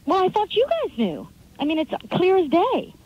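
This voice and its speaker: A woman's voice: very high-pitched, huge pitch swings, normal speed, no echo. Woman on a clipped phone line. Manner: defensive, argumentative, interrupts. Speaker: prank call target. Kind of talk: phone call with a radio prank caller. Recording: muffled phone line with faint hiss.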